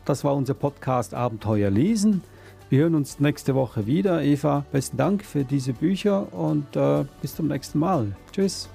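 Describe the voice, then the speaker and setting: A man's voice: a little high, expressive, normal speed, gravelly, warm tone, faint music behind. A man hosting a book podcast, wrapping up the episode in a thoughtful, earnest way with some hesitations. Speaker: podcast host. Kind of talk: book review podcast chat.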